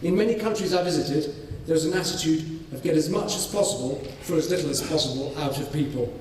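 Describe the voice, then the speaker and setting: A man from North Wales, giving a conference presentation on his farming study, measured and full of ums and restarts. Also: a little high, darkish tone, slight background noise. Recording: echoey hall, voice from far off.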